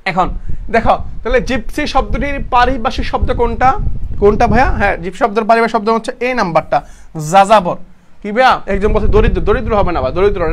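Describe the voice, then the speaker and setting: A young man with a high voice and a Bangladeshi Bengali accent, teaching an online prep class in a loose, casual way. He asks his students the same question over and over and fixes his own slips mid-word. Faint noise and clicks sit under the recording. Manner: repeats questions to students, talks to them as "bhaiya"; casual, self-correcting explanations.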